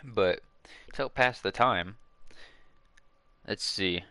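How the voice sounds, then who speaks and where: A man's voice: on the low side, takes it slowly, bright, forceful tone, smooth, dry recording. A man chatting casually to his viewers while waiting on a live stream, rambling with lots of fillers and restarts, hiccuping now and then.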